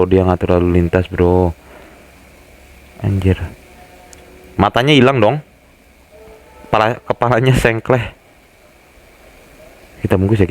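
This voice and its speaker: Slangy excitable man streaming a game. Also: lowish voice. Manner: slangy, excitable, talks to viewers, reads game lines aloud. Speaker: gaming streamer. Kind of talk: casual horror game let's play.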